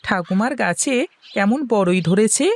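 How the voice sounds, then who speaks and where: A woman's voice: medium pitch, moderate pace, close to an everyday voice. Woman voicing an eager village boy. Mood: earnest. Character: eager, good-hearted young village boy. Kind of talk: cartoon voice acting.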